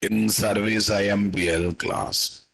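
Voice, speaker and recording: A man with a Telugu-influenced Indian accent and a husky voice, teaching a live coding lesson as an instructor, repeating his statements and quizzing listeners with tag questions. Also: lowish voice, fairly even intonation, slow, a bit bright. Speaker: programming instructor.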